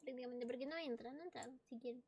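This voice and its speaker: A woman's voice: high-pitched, fast talker, darkish tone, slightly rough. A woman giving casual let's-play commentary on a horror game, chatty and easily startled, breaking into screams and nervous laughs. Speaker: gamer playing a horror game.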